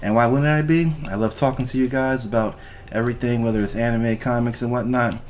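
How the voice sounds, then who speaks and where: A man's voice: medium pitch, steady tone, a little fast, slight background noise. A man hosting a casual podcast, informal and loose with language, speaking straight to his listeners. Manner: informal, profane, addresses listeners directly. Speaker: podcast host.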